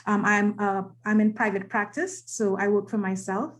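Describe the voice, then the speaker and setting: A woman from Tobago introduces herself as a sexologist in private practice. Her voice is mid-pitched and clear as she speaks to an online panel over a video call. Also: fairly even intonation, normal speed. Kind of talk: self-introduction on a virtual panel.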